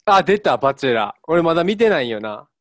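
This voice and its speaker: A man's voice: a little high, very animated, brisk, a bit bright, no room sound, studio quality. A man with a Kansai accent co-hosting a casual radio chat, with the teasing retorts of a comic straight man. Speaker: radio show co-host.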